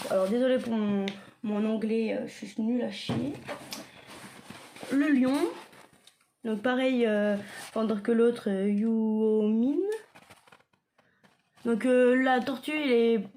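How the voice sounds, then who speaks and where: Young woman, home vlogger, slow halting delivery, bit high-pitched. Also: dark tone. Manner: hesitant, many fillers and self-corrections. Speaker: vlogger showing her diamond painting stock. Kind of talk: casual show-and-tell. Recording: clear background noise.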